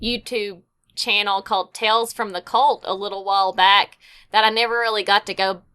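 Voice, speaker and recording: A woman's voice: mid-range voice, steady tone, normal speed, pushed and bright, smooth. A young woman guest on a podcast, chatting casually and rambling a bit, with frequent fillers and restarts. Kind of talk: casual chat.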